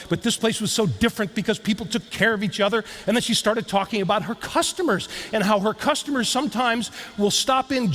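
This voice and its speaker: A man giving a keynote talk, telling a story and leading the audience in drills. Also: high-pitched. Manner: animated, leads audience drills. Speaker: keynote speaker. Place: large hall before a live audience.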